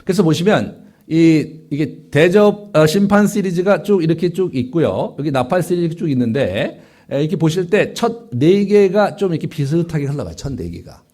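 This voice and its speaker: Male pastor, sermon lecture, animated delivery, slightly high voice with wide swings. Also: moderate pace. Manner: animated, rising and falling sharply in pitch and loudness, rhetorical "예?" asides.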